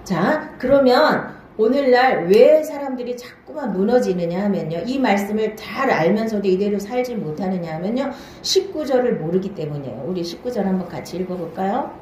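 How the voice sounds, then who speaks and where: A woman's voice: mid-range voice, animated, moderate pace, few pauses, darkish tone, a little hiss or hum. A woman pastor preaching a Bible-study sermon in a church hall, often asking the listeners questions and checking they follow. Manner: marks each new point with a short "now then".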